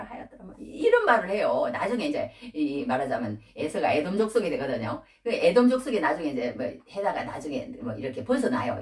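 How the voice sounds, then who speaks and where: Woman preacher, lively pitch, chatty sermon delivery, roomy sound from a distance. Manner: animated, conversational preaching with rhetorical questions. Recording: echoey room, mic at a distance.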